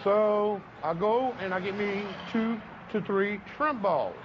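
A man's voice: high voice, slow pace. A man from Louisiana with a Southern accent, telling a story step by step in an interview outdoors beside a road. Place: outdoors by a roadside. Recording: dull lo-fi sound with faint traffic.

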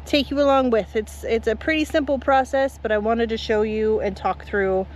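A woman's voice: on the high side, steady tone, moderate pace, a little hiss or hum. A woman flower farmer, chatty, explaining step by step outdoors in her garden. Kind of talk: casual gardening tutorial.

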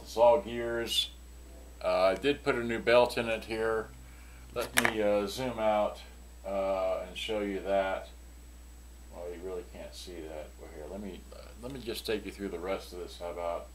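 This product reviewer and seller speaks in a lowish voice at a measured pace while demonstrating vintage electronics at a messy indoor workbench. Unscripted and casual, he rambles and mutters as he goes, and the noisy room audio picks up clicking sounds.

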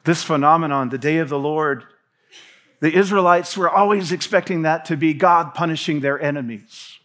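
A man's voice: fairly high pitch, normal speed. A man in his thirties preaching a sermon from a church stage, reading scripture and gesturing as he speaks. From Tennessee. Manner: preaching with hand gestures, animated pacing, reads scripture aloud. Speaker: pastor.

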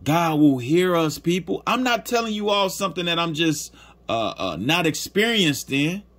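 A man teaches scripture in an informal Bible study. His voice sits a little high, and he reads verses slowly before explaining them in plain everyday talk. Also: big pitch swings, fairly bright tone. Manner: stops to search for verses, with fillers.

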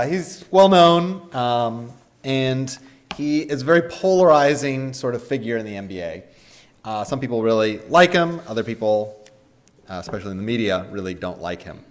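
Male preacher, casual conversational sermon, filler-heavy delivery, average pitch. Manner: conversational, chatty, many fillers. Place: church or chapel.

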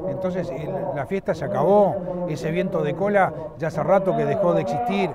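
Over a noisy crowd at a livestock fairground, a middle-aged man with a high-pitched voice and a Uruguayan Spanish accent gives an outdoor interview. As president of a rural association, he speaks haltingly, full of fillers and restarts.

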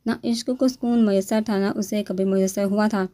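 A woman reading a romance novel aloud as narrator, in a steady, dramatic way. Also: mid-range voice.

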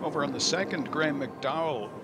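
A man's voice: a little high, lively intonation, brisk. A man providing live sports commentary as a golf commentator. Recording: loud outdoor background noise.

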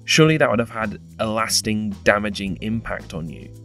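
A man's voice: on the low side, lively intonation, fairly quick, a bit bright, soft background music. A young man narrating a scripted film review, with a sardonic, punning delivery. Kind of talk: scripted video-essay narration.

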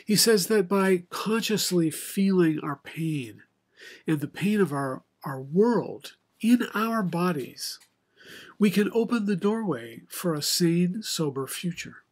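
An older man, preaching a sermon from a home study with bookshelves into a webcam, in a measured, reflective way with many pauses. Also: sits high, animated. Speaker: pastor. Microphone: video call webcam, head and shoulders.

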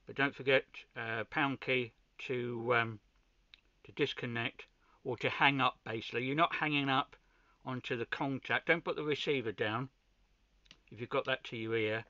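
Speaking at a moderate pace with fairly even intonation, a man walks through his ham radio gear off the cuff, often stumbling and repeating words. His medium-pitched voice sounds bright and pushed. The recording has no echo but comes across dull and lo-fi.

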